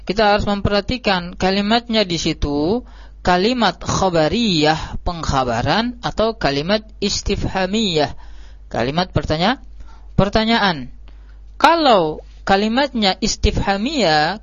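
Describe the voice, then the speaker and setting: A man teaching an Arabic lesson, repeating words slowly and drawing them out for his students. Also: high voice, fairly bright tone, no room sound. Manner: slow, drawn-out repetition of words. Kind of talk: classroom lesson. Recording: dull lo-fi live stream audio.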